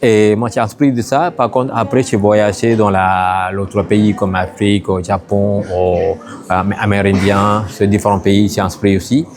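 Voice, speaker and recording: A Sri man speaking in broken, halting French with many hesitations, interviewed as an artist at an exhibition. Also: fairly low pitch, little pitch movement, music in the background. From Sri Lanka.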